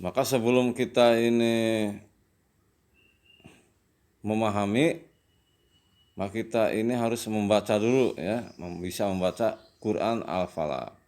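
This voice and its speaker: Slow, low-voiced teacher. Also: male voice. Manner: slow and patient, with frequent "ya" tags and louder drawn-out recitation. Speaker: religious studies teacher. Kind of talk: classroom lesson for children.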